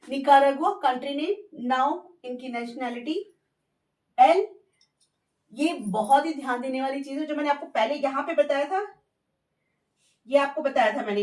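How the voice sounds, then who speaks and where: A woman with a high voice talks slowly through a language lesson, saying each word more than once so learners can follow. She sounds a little far from the mic, in an echoey room. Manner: slow, repeats words clearly for learners. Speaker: Spanish teacher. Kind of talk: language lesson explained in Hindi.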